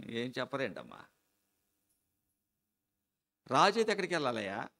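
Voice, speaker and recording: A middle-aged man preaching a sermon as pastor, with sudden loud outbursts and slow, stressed repetitions. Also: medium pitch, very animated. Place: church hall. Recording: long church hall reverb.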